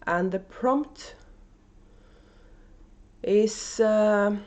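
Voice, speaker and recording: A Norwegian-accented woman draws out her words as she hosts a knitting video podcast at home, talking casually and without a script, with many fillers and restarts. Her voice is medium in pitch and darkish. It's recorded indoors with a camera microphone.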